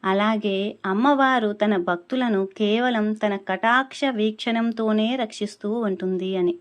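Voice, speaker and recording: Female chant teacher, mid-range voice, patient and deliberate, stretches syllables to demonstrate. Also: medium pitch. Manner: slow, carefully drawn-out syllables when demonstrating; patient explaining tone. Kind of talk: spoken lesson on pronouncing a chant.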